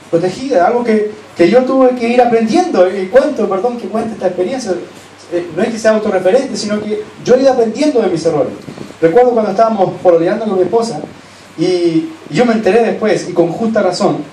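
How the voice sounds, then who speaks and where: A man with a Chilean accent preaching a sermon as pastor, earnestly urging his listeners, then dropping to soft, low asides. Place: church hall. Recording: echoey church hall, distant mic, faint hiss.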